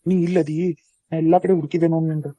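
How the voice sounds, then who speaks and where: A man's voice: a little high, little pitch movement, quick pace, warm tone, dry recording, lightly acted. A man with a North Karnataka accent voicing a caring older brother in a cartoon. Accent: North Karnataka Kannada. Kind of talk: cartoon voice acting.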